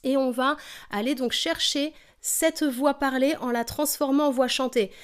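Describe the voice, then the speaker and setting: A woman teaching a singing lesson, explaining vocal technique calmly and demonstrating exercises. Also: high voice, unhurried.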